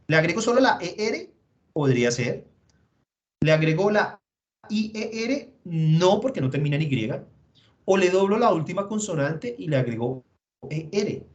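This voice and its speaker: Colombian guy teacher on a video call, slightly high voice, walks through grammar step by step. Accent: Colombian Spanish. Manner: patient step-by-step explaining, thinking aloud. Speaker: English teacher. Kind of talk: online class explanation.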